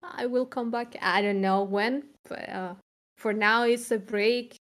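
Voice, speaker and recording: A young woman from Chile chatting on a podcast in a slightly high voice. She talks reflectively and loosely, pausing on fillers and restarting her sentences as she goes. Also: steady tone, a bit bright. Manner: reflective, rambling with frequent fillers. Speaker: podcast co-host. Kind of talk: casual podcast chat.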